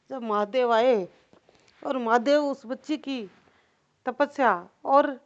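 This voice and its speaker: A woman with a high voice tells a devotional folk tale in a loose, casual, repetitive way, often turning to the listener with asides. The recording is dull and lo-fi. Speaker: storyteller.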